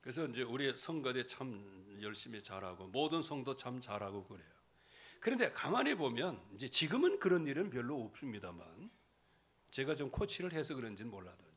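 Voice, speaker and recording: Male pastor, middle-aged, bright edgy tone, very lively pitch, mid-sermon. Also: moderate pace. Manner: lively preaching, swinging from loud emphasis to quiet asides, mimics hymn singing. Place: church sanctuary.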